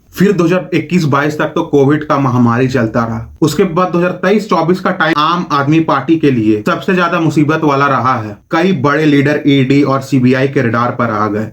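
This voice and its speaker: A man hosting a political explainer video, giving scripted commentary in an opinionated tone with rhetorical questions. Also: mid-range voice.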